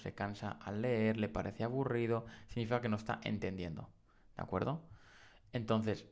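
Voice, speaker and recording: Man, low gravelly voice, informal mentor explaining to parents. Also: a little mellow. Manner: conversational, repeats "¿vale?" and "¿de acuerdo?" to check in. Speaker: dyslexia mentor.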